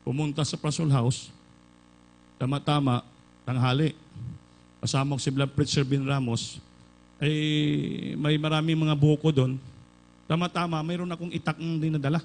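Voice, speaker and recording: A man from the Philippines delivers a sermon, moving from an anecdote into loud, fervent calls to his listeners. His voice sits a little high for a man, and he switches into English phrases now and then. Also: little pitch movement, moderate pace, long pauses, low-quality recording. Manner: storytelling, building to loud fervent exhortation; mixes English phrases into Filipino preaching. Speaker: preacher.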